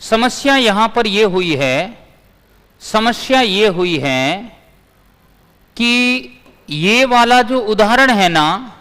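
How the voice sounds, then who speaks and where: A man's voice: high voice, a bit bright, smooth, in a large hall. A male physics teacher giving a live online class, repeating his points and answering viewers' comments as he goes.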